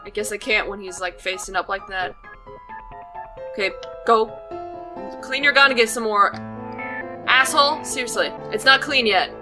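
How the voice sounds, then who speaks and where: A woman hosting a let's play, giving playful, chatty gameplay commentary that drops to low mutters while she puzzles things out. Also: normal speed, pauses often. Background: game music.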